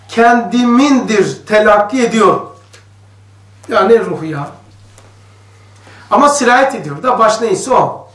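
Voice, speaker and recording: A man's voice: extremely high pitch, a bit bright. Man, religious study teacher, cave-like echo, voice heard from across the room, explaining and questioning listeners. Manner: conversational, explains each passage and questions the listeners. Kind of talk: reading a religious text aloud and explaining it to a group. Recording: echoey room, voice distant from the mic.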